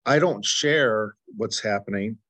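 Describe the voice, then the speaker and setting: A man hosting his podcast, speaking earnestly and haltingly, with frequent restarts and stutters. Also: lowish voice, sharp tone, slightly rough, dry recording. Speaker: podcast host. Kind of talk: conversational interview.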